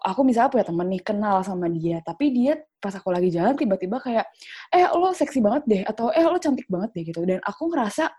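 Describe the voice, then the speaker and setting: Brief: woman panelist, dark husky voice, chatty and filler-heavy. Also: mid-range voice. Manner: chatty, repeats fillers like gitu and kayak. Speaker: discussion panelist. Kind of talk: casual discussion.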